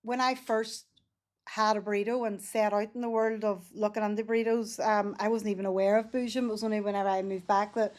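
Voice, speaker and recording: A woman's voice: mid-range voice, level tone, fairly quick, a little mellow. Woman, founder, earnest and direct, mid-range voice. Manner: frank and earnest, with frequent 'um' and restarts. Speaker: business founder, podcast guest. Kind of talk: casual interview chat.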